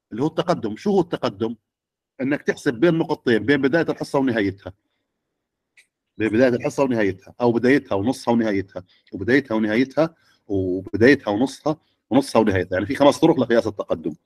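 A man's voice: medium pitch, animated, rapid-fire, darkish tone, dry recording, clean studio sound. A middle-aged man, lecturing teachers and often checking with the audience. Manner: questioning the audience.

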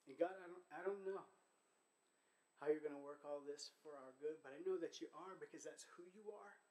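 Man with a higher voice giving a eulogy. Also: fairly quick, dark tone, rough recording. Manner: heartfelt storytelling, anecdotal. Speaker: church staff leader giving a eulogy. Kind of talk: memorial eulogy. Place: church sanctuary.

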